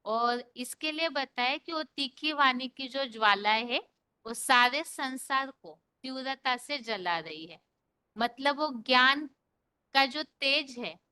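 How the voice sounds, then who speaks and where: Bright, slow-speaking woman teacher. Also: high-pitched, clear, resonant tone. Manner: patient, explanatory, recites verses slowly. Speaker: Gita class teacher. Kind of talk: online scripture class.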